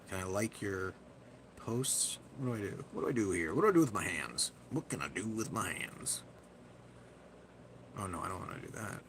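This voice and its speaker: A man's voice: lowish voice, vocal fry. A man hosting a casual livestream, rambling loosely and poking fun at himself. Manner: rambling, self-deprecating, loose. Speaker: livestream host. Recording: steady background hiss.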